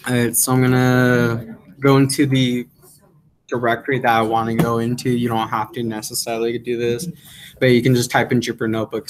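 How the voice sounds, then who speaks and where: A man's voice: medium pitch, poor audio. Casual young male instructor. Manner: filler-heavy, repeats "yeah" often. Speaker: course instructor. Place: classroom.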